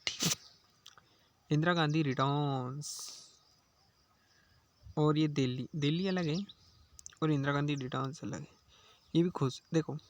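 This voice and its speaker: A man's voice: a little high, gravelly, a bit bright, slight background noise. A man teaching exam-prep lessons, playfully explaining with silly memory tricks.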